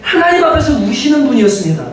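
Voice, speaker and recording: High-voiced man preaching in an echoey church. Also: big pitch swings, fast, slight background noise. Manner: emphatic, often addresses the congregation directly, swells to shouts. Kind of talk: Sunday sermon. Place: church sanctuary. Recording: very echoey church hall from far off.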